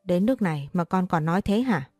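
A woman's voice: fairly low pitch, animated, fairly quick, warm tone, no echo, clean studio sound, soft background music. A woman doing a stern, scolding father. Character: stern middle-aged father, angry.

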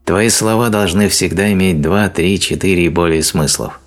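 A man's voice: sits low, normal speed, soft background music, natural voice. A man reading a stern, angry male sage in an audiobook, scolding with harsh declamation. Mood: scornful.

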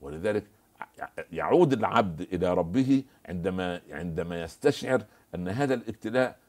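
A man's voice: sits low, expressive, fairly quick, darkish tone. A man as the scholar guest on a TV religious discussion, preaching and quoting scripture and stories.

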